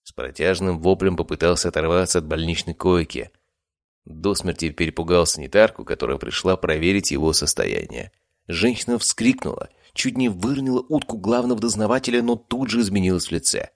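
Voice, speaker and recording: A man narrating a fantasy audiobook with expressive storytelling. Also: low-pitched, fairly quick, creaky, dry recording, clean studio sound.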